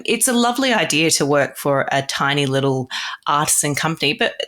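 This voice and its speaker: A woman's voice: low-pitched, animated, fairly quick, a bit bright. A woman with an Australian accent hosting a podcast interview, asking questions in a friendly, conversational way. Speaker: podcast host.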